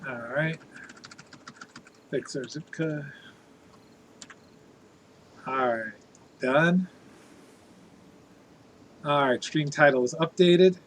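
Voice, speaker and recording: A man's voice: fairly high pitch, extremely slow, long pauses, slight background noise, rough recording. A man chatting casually as a live streamer, reading out viewer comments in a playful, jokey, theatrical way.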